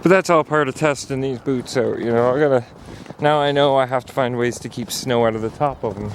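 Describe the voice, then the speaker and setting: A man's voice: medium pitch, brisk, slight background noise. A man narrating a casual hiking vlog outdoors on a snowy trail, chatty and at times out of breath. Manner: chatty, talking while hiking, sometimes out of breath. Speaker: vlogger.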